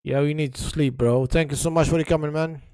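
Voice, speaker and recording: A man's voice: fairly high pitch, fairly even intonation, a little fast, darkish tone, clean tone, no echo. A man streaming gameplay, commenting casually in broken English with a friendly, chatty manner. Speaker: livestreamer.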